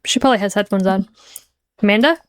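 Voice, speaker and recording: A woman's voice: on the high side, a little fast, noisy background. A woman streamer reading a visual novel aloud, with playful, chatty narration.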